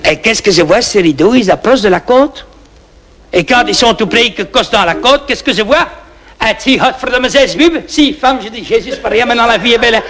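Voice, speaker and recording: A man's voice: extremely high pitch, lively intonation, a little fast, crowd noise, voice pushed up. A man playing a boastful Flemish peasant who rambles through a tall tale in broken French with a Flemish accent, dropping in Dutch oaths and endless "hein". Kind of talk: comic monologue in broken French. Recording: old 1960s record with music.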